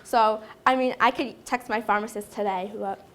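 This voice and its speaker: A woman's voice: on the high side, steady tone, normal speed. A young woman answering questions from her class after a presentation, casual in her replies. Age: young adult. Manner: casual, laughs softly between answers. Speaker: student presenter.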